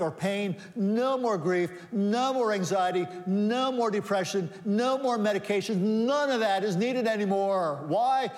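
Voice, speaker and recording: High-voiced preacher man in a reverberant hall. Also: a little mellow. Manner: rhetorical questions, rising emphatic cadence. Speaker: pastor. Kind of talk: sermon. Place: church sanctuary. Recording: long reverb of a church hall.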